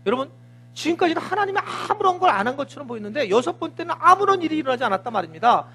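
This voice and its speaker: A man's voice: very high-pitched, very animated, rapid-fire, creaky, bright, forceful tone. A man, a senior pastor, preaching a Sunday sermon with vivid storytelling, sound words and acted dialogue.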